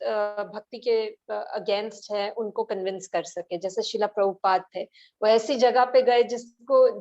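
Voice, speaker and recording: A woman teaching and giving gentle advice in a devotional question and answer session, mixing English phrases into her speech. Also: a little high, highs cut off. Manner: gentle, advising, mixes English into Hindi.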